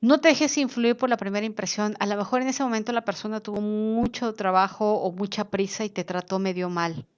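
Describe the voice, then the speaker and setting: A woman teaches an online class. She talks in a lively way and slips into other voices to act out the people she quotes. The recording sounds dull and lo-fi. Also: medium pitch, clear, resonant tone. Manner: lively, acts out quoted speakers in changed voices.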